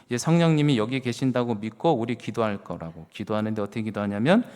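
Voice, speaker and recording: A middle-aged man preaching a sermon as pastor, telling stories with swings from hushed words to loud exclamations. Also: medium pitch, fast, clean tone. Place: church sanctuary. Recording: reverberant church hall.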